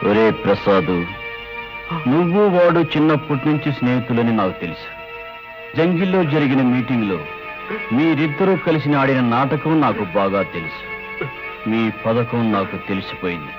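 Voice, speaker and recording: An actor playing a ruthless male political boss who talks down to others with quiet menace, in dull lo-fi film audio with a music score. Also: mid-range voice, very animated, normal speed, lightly acted.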